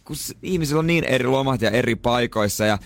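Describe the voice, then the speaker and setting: A man co-hosting a morning radio show in casual banter, his voice rough and husky from a sore throat, talking loosely with many restarts. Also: medium pitch, soft background music.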